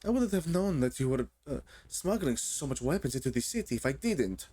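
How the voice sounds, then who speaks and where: A man pitching his voice up to play a sly young gang enforcer who taunts and teases. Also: sing-song, a little fast, warm tone, breathy edge. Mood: mocking. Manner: taunting, teasing.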